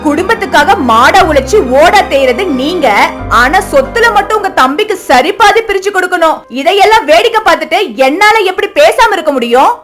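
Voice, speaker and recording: A woman's voice: very high voice, lively intonation, brisk, music in the background. A woman voicing a greedy, scheming young wife in a cartoon, talking in a nagging, sarcastic way. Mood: indignant. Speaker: elder daughter-in-law. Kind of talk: cartoon voice acting.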